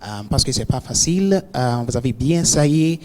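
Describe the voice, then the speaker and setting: Man, language coach; halting greeting with many fillers, echoey hall sound. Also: lively intonation, a little mellow. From Ghana. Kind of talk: brief greeting at a live event. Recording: echoey hall, faint rumble.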